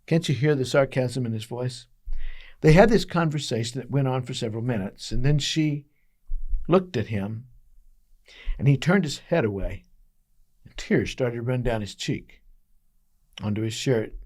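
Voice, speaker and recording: A man as a pastor giving a daily devotional message, telling a story earnestly with emphatic pauses. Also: mid-range voice, animated, a little mellow.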